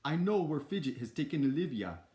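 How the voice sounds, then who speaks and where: A man voicing an excitable adult male mouse detective who speaks urgently, in exclamations. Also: fairly low pitch, moderate pace, echoey room.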